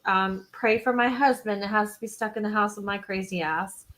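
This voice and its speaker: A woman's voice: medium pitch, fairly even intonation, moderate pace, fairly bright tone, poor audio. Woman rambling on a live podcast, giggly, kinda self-deprecating, super casual. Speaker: podcast co-host. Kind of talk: casual live-stream chat.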